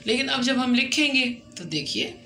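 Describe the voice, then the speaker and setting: A woman teacher explaining a script lesson slowly and patiently, repeating example words for learners to follow. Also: high voice, lively intonation, pushed and bright. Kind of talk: classroom lesson on Urdu script.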